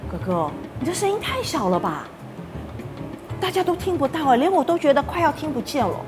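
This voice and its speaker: A woman voicing a bright little girl, chirpy and teasing. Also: high voice, sing-song, fairly quick, music in the background.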